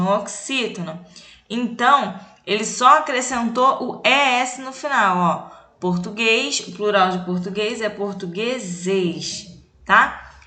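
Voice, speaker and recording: Brazilian school teacher lady, bright voice, patient explaining, echoey room. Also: medium pitch. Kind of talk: recorded lesson for children.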